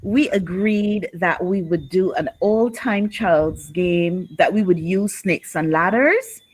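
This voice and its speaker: A woman from Barbados with a Barbadian accent, reporting back to a workshop group in an unhurried, expressive storytelling manner. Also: fairly low pitch, poor audio. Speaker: workshop participant.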